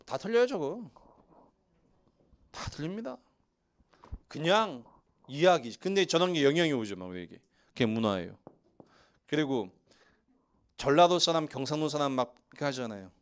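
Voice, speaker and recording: A man's voice: on the high side, normal speed, long pauses. A male pastor from Seoul preaching a sermon in a church and joking with the congregation. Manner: joking with the congregation, lively asides. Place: church sanctuary.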